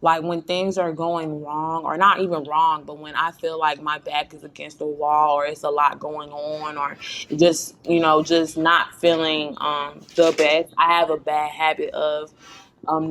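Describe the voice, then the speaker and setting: A woman's voice: sits low, flat delivery, unhurried, a bit bright. A woman co-hosting a podcast, blunt and joking in casual chat. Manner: blunt, joking, swings into exaggerated voices. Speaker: podcast co-host.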